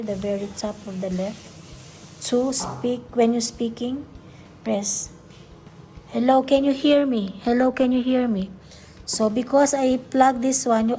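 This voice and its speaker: A childcare educator with a warm, slightly high voice gives a casual unboxing demonstration on her vlog, going step by step in simple language and repeating herself often. The recording is low quality, with slight background noise and music playing.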